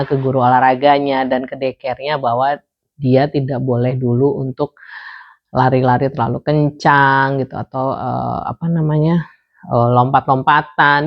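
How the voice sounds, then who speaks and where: A middle-aged woman telling a personal story in a casual, chatty way, with many fillers and restarts and English words mixed into her talk. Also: a bass voice. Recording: dull lo-fi sound.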